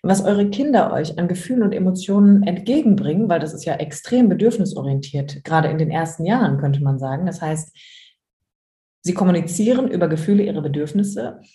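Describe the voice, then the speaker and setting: A woman's voice: lowish voice, animated, a little fast, mellow, reverberant. A woman as a podcast interview guest, explaining reflectively with everyday examples and rhetorical questions. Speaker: interview guest, emotions coach.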